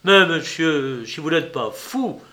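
A man's voice: fairly high pitch, expressive, slow pace, sharp tone, full character voice. A man reading an audiobook, voicing an arrogant but frightened nobleman who blusters and pleads. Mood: scared pleading.

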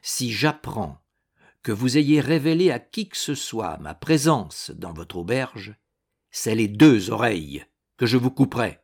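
A man's voice: mid-range voice, sing-song, measured pace, gravelly, slightly rough, full character voice. A man voicing a fierce young chevalier who speaks in a commanding, menacing way, raising his voice above the narration. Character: fierce young male chevalier, threatening and impetuous.

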